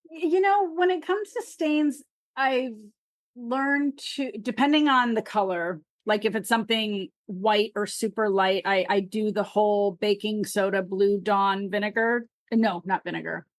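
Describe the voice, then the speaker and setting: A woman's voice: mid-range voice, unhurried, dry recording, clean studio sound. A woman from California, a guest on a podcast, chatting in a friendly, agreeable way and often saying yes. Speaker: guest seller. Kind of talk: casual chat on a podcast.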